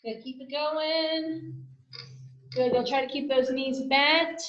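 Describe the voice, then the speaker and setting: A woman's voice: sits high, steady tone, slow pace, fairly bright tone. A woman leading a group exercise class as instructor, calling out drills and counts like a gym coach with encouraging prompts. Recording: echoey room, dull muffled sound.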